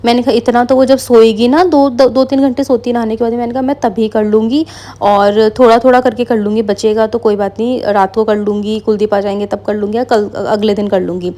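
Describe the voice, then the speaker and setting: A young woman vlogger chats casually with her viewers, rambling comfortably through everyday stories in Hindi sprinkled with English words. Her voice is a little high yet soft and mellow rather than bright, with a steady tone and a slightly fast pace.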